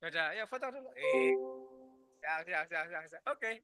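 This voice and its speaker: A middle-aged man with a Javanese accent, a teacher hosting a school Zoom session in a lively, chatty way, mixing in Javanese words. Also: on the high side, unhurried, dry recording, soft background music. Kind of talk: casual hosting over Zoom.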